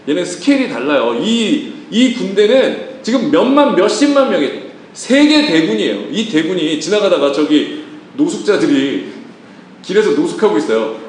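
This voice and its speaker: Lively male preacher, high and very expressive voice, heard from a distance in a booming room; good for a humorous sermon. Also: very echoey, slight background noise. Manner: animated, joking, asks the congregation questions. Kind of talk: lively sermon with acted-out quotes.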